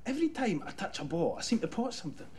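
A man's voice: high voice, quick pace. An actor playing an honest young Scottish man in a film, telling a story about his mate with exasperated disbelief and slang. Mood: confiding. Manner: incredulous, animated, slangy. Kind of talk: film monologue, casual storytelling. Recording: clear background noise.

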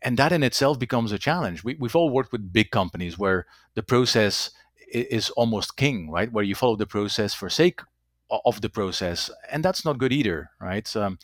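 A Belgian company executive whose first language is Dutch speaks as a guest, giving conversational interview answers in a low, expressive voice. His speech is halting; he repeats words and tags sentences with "right?". The recording is dry and of studio quality.

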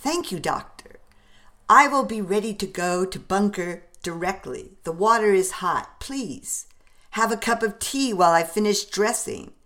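A woman reading the part of an eager, formal male doctor heading to battle, in a higher voice than her narration. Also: expressive, unhurried, a bit bright. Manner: eager, formal period speech.

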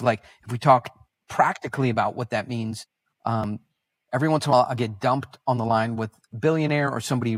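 Halting, animated man telling stories on a podcast. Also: medium pitch, no room sound. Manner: halting, self-correcting, animated anecdotes. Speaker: podcast guest. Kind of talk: podcast interview storytelling.

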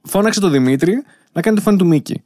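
A man's voice: high-pitched, lively intonation, mellow, dry recording, studio quality. A man hosting a casual interview, talking in loose, rambling sentences. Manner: rambling, many fillers and restarts. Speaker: podcast host.

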